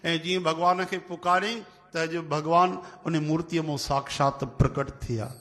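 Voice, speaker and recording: A man with a somewhat high voice tells devotional stories to a gathering. He is animated and acts out the people in his tales, and his voice rings with a long hall reverb. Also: moderate pace. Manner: animated, acts out quoted voices, calls out chants. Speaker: religious storyteller. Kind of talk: devotional sermon storytelling.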